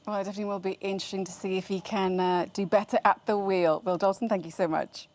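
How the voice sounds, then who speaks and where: A brisk woman news anchor. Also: medium pitch, steady tone, a little mellow. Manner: brisk, conversational anchor interviewing guests. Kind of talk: live news presenting.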